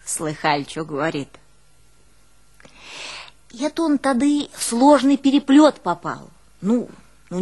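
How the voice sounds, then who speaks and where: In a one-woman audio play, a stage actress with a female voice that's a little high plays a proud, aggrieved peasant wife with a rural northern Russian accent. Her theatrical monologue is earthy, colloquial and emotional, swinging from scolding to hushed confiding, with snatches of village folk ditties.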